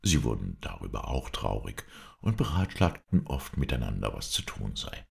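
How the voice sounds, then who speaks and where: Very deep gravelly storybook narrator. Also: male voice, moderate pace. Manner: expressive, dramatic reading. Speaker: audiobook reader.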